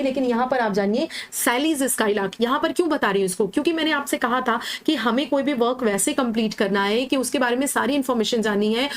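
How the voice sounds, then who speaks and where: A woman, a literature teacher, explains poetry in a Hindi-lecture. She works step by step, asks her own questions and answers them, and often checks in with "ठीक है". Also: on the high side. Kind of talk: Hindi-English lecture over slides.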